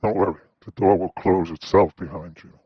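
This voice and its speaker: An actor playing a sinister, menacingly hospitable asylum gatekeeper with a husky voice in an audio drama, in dull, dry sound. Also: male voice, deep voice, fairly even intonation, fairly quick, no echo. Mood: menacing welcome.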